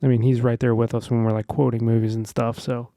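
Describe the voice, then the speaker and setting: A young adult man chatting as a podcast guest, halting with lots of restarts and fillers. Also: medium pitch, level tone, mellow, dry recording, studio quality. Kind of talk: casual chat.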